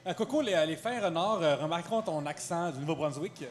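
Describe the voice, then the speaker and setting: Man, high, energetic live-podcast co-host. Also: fairly quick, a crowd in the background. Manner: energetic, loud, playful. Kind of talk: casual chat on a live podcast.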